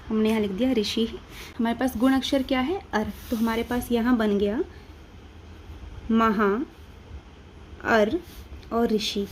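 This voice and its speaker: A woman's voice: a little high, darkish tone, a little hiss or hum. An Indian woman teaching grammar, patiently asking and answering her own questions step by step. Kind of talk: classroom-style explanation.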